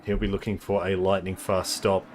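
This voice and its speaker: Give me a low-voiced man doing live race commentary, thinking aloud with lots of ums. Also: completely flat delivery, normal speed, a little hiss or hum. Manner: thinking aloud, explaining tyre details with many ums. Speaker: sim racing commentator.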